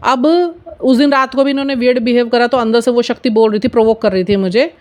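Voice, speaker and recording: A woman's voice: a little high, fairly even intonation, fast talker, darkish tone. A middle-aged woman tells devotional stories of her faith to viewers, earnestly slipping English words into her Hindi. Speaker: spiritual storyteller.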